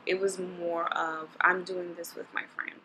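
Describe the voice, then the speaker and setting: Young woman vlogger, lowish bright voice, chatty and informal, answering questions. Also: flat delivery, unhurried, slight background noise, low-quality recording. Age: young adult. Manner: informal, conversational, thinking aloud. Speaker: vlogger and pageant contestant. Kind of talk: casual chat answering viewer questions to camera. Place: small indoor room at home with brick wall.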